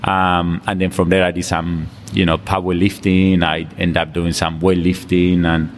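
In a casual gym interview, the guest is a Colombian fitness coach who speaks English with a Colombian Spanish accent, talking easily and laughing frequently. He has a low voice, flat delivery, and normal speed, and the recording has long reverb with faint background noise.

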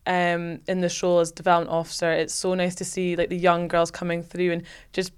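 Smooth-voiced young woman, enthusiastic. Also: fairly low pitch, monotone, a little fast. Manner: enthusiastic, lots of 'like' and 'you know'. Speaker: rugby development officer. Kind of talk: casual chat.

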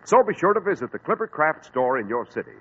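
A man's voice: big pitch swings, fast, a bit bright. A man reading a radio advertisement in an emphatic, polished sales manner. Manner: smooth, emphatic sales pitch. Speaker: radio announcer. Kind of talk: old radio ad read. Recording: tinny old radio with faint hiss.

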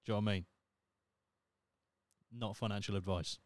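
A thirty-year-old man hosts a casual solo podcast, rambling wryly and mocking himself with plenty of swearing. His voice is on the low side and steady, at normal speed, with no room sound.

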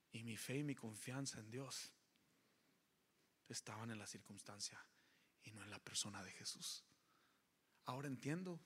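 A man in his thirties preaching a bilingual sermon as a pastor, switching between Spanish and English and building to forceful exhortation. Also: mid-range voice, breathy edge. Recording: echoey hall with long reverb.

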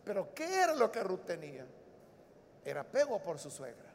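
A male preacher giving a sermon, retelling Bible stories in an animated way that swings between soft and loud. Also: high-pitched, moderate pace, a little hiss or hum. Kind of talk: sermon with acted-out Bible scenes. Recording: long reverb of a large hall.

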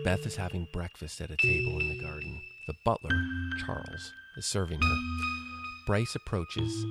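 A man hosting a podcast, retelling an old crime episode scene by scene with wry, sarcastic asides. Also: sits low. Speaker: podcast host. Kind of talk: casual episode recap. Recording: loud music behind the voice.

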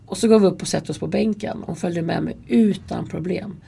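A woman with a lowish, gravelly, mellow voice that's slightly rough tells stories as an interview guest. She works in subway security and speaks candidly and earnestly, acting out quoted dialogue in a casual, conversational way.

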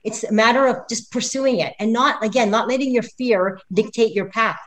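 An energetic woman in her fifties speaks in a fairly high voice, talking casually as an interview guest. She is emphatic and keeps tagging "right?" onto her points. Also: moderate pace. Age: 50s. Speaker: guest, pro cyclist.

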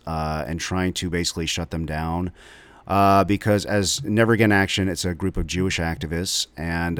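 Guy doing a podcast intro, low smooth voice, dry close sound, lots of ums. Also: dry recording. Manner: rambling with many filler sounds. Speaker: podcast host.

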